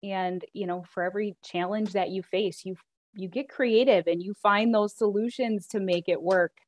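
A woman's voice: medium pitch, steady tone, moderate pace, dry recording. A woman on a virtual panel, talking earnestly and practically about running groups, with frequent "really" and "you know". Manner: earnest, practical, repeats 'really' and 'you know'. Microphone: video call.

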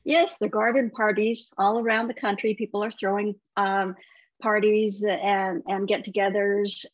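A woman entertainment correspondent chatting on a TV segment, talkative and quick to laugh, with many restarts. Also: mid-range voice, flat delivery, no echo, dull audio. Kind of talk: casual TV segment chat.

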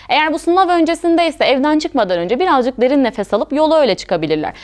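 Woman, counselor, reassuring, explanatory, animated pitch, quick pace. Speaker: guidance counselor. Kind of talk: interview answers.

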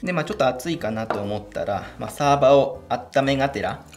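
A young coffee-channel host, mid-range in pitch, speaks animatedly at a quick pace while demonstrating brewing. Set in a small home café room with background music, the casual tutorial finds him enthusiastic and chatty, laughing as he goes.

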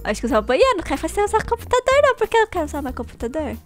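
A woman's voice: very high-pitched, very animated, racing, soft background music. A young woman from Brazil co-hosting a gaming video, chatting cheerfully. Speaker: gaming channel co-host. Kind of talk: casual gameplay banter.

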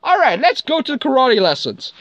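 A woman's voice: sits high, huge pitch swings, fairly quick, heavily acted. A woman voicing a bossy, scatterbrained karate teacher who scolds the kids in a homemade toy skit. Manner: scolding, sing-song, swooping voice. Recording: dull lo-fi recording with faint noise.

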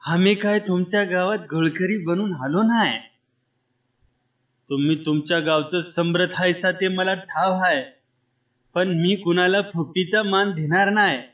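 A proud village ram owner rises high and loud as he throws down his challenge, voiced by a male storyteller. His voice is slow and ringing. The recording is dull and lo-fi. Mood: stern.

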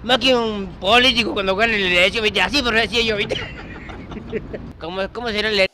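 A man with a Córdoba Argentine accent telling a story with animated energy, shouting the lines he quotes. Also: high-pitched, moderate pace, background noise.

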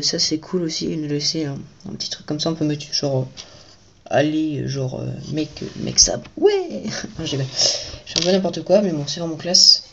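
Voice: mid-range voice, muffled recording, background noise. A toy reviewer giving casual commentary while building a set at home at night, chatty and repeating the same praise.

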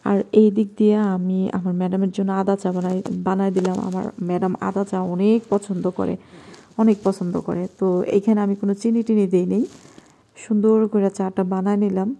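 A woman from Bangladesh with a Bangladeshi accent, narrating a home cooking vlog in a soft, quiet voice at night in her kitchen. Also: mid-range voice, little pitch movement, fairly quick. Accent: Bangladeshi Bengali. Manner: talking softly and quietly at night.

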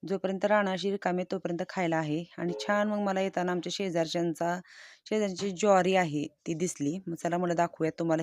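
A woman's voice: deep voice, a little mellow, no echo, studio quality. A woman narrating her village life vlog in a casual, chatty and homely way, cheerfully describing everyday chores.

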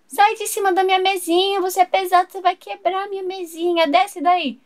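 Brief: woman voicing a whiny, sleepy toy figure, high and complaining. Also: fairly even intonation, fairly quick. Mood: grumpy. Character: grumpy sleeper woken from a nap.

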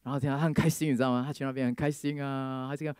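A man preaching a sermon, telling a testimony in a lively storytelling manner, acting out the people he quotes and mixing English phrases into Mandarin. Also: mid-range voice, racing, smooth, no room sound, clean studio sound.

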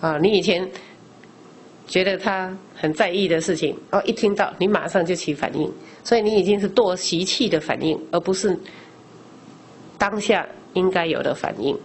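A woman's voice: lowish voice, normal speed, slight background noise. A woman lay teacher giving a Buddhist class in a conversational lecture style, posing questions to the audience and answering them herself. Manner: explains by asking rhetorical questions and answering them; frequent discourse particles, conversational teaching.

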